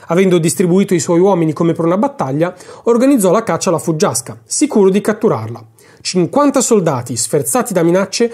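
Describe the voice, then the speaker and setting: A man's voice: high voice, mellow. A man reading a classic story aloud for his podcast, narrating expressively and dramatically. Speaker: podcast host and reader.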